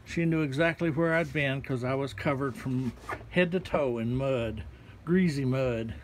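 The artist casually leads visitors through a small art gallery, pointing out one painting after another in a relaxed, folksy manner. His mid-range voice is unhurried, and the handheld phone recording picks up a little hiss or hum. It's an informal walking-tour narration.

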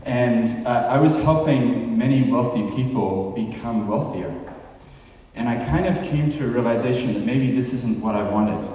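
A New Zealander in his forties who hosts a podcast is giving a chatty conference talk, asking the audience questions from the stage of a large hall. He has a mid-range, dark-toned voice at a moderate pace. The recording is echoey and distant, picked up from far away via a handheld mic.

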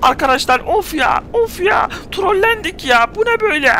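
Man playing a sly, whining Joker trickster for a game role-play; high, bright and swooping. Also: very animated, moderate pace, a little hiss or hum, exaggerated voice. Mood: panicked. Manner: whiny pleading, sneaky scheming. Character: scheming male Joker trickster, sly and whiny. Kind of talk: Minecraft role-play voicing.

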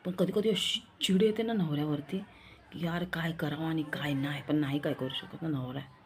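A woman's voice: low voice, moderate pace. A young woman with a Marathi accent chatting in a rambling, confiding vlog style, repeating herself as she talks. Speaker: vlogger. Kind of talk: casual vlog chat.

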